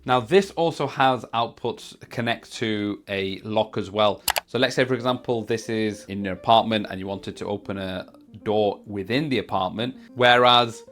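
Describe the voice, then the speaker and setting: A man's voice: lowish voice, normal speed, fairly bright tone. A man giving a casual product demo, explaining features step by step in an explanatory manner. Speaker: product reviewer and demonstrator. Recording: music behind the voice.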